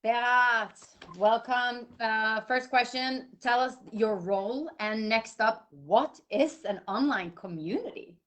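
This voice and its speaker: A woman's voice: fairly high pitch, takes it slowly, hardly any pauses, a bit bright. Giggly female co-host. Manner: giggly, searching for words. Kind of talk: live online show hosting.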